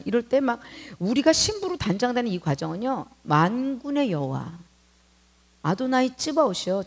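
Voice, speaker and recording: A middle-aged woman leads a sermon in a loose, conversational way. Her voice rises and falls widely as she talks, and she keeps turning to the congregation with quick checks for agreement. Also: fairly high pitch. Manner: colloquial and animated, peppered with tag questions to the congregation. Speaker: mission leader and preacher.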